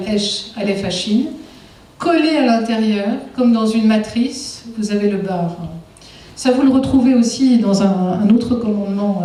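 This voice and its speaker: A woman's voice: medium pitch, dark tone. Woman lecturing in a very echoey hall. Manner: engaging, asks the audience frequent rhetorical questions. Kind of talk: public lecture. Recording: echoey hall, far from mic.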